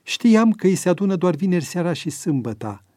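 A narrator raises his pitch for a caring grown son, earnest and eager, speaking quickly and persuasively. The recording is dry and close. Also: very animated, mellow, no room sound.

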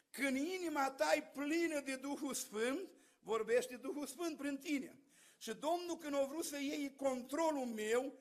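A man preaching a sermon, telling his own testimony and calling out fervently to the congregation. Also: very high voice. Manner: fervent, storytelling, calls out to the congregation.

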